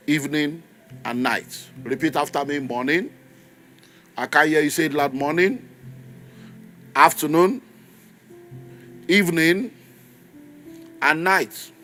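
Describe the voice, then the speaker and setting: A man in his fifties with a Nigerian accent preaches a sermon in church, leading the congregation in call and response while stressing and repeating key phrases. His fairly high voice has a sharp tone, and he speaks slowly with frequent pauses. Soft music plays in the background.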